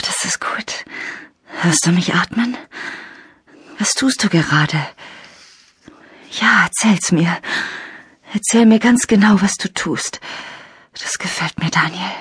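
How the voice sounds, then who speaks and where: A woman reads a yearning young lover in whispered role-play. The voice is hushed and pleading, slow and husky. It sits dry and close to the mic. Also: on the low side, dry recording, exaggerated voice. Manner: breathy, intimate, pleading.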